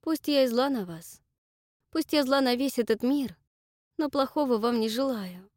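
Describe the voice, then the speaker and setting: An embittered young woman, as a female audiobook reader voices her, high and tense with a sharp, cold edge. She speaks in a commanding way, recorded very dry and close. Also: sing-song, moderate pace, dry recording. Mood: weary pleading. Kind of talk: audiobook character voice.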